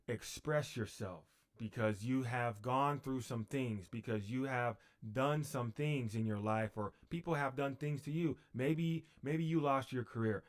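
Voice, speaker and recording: Man, livestream spiritual teacher, unhurried delivery, fillers and repetition. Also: medium pitch. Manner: unhurried, with fillers and repeated phrases.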